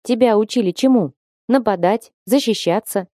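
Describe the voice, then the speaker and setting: A woman's voice: fairly high pitch, moderate pace, dark tone, dry recording, clean studio sound, lightly acted. A woman voicing a slight young swordfighting girl who talks in a snappish, mocking way. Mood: impatient.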